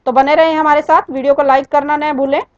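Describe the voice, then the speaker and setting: Lady teacher going through grammar slowly, higher voice, dry muffled sound, keeps asking then answering herself. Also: level tone, dry recording. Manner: asks and answers her own rhetorical questions; explains patiently, mixing in English words. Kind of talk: classroom-style grammar lesson.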